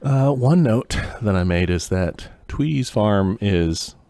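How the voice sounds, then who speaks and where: Tired low-voiced man chatting, dry mic. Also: slow, no room sound. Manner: laughs often, relaxed and musing. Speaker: podcast co-host. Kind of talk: casual chat.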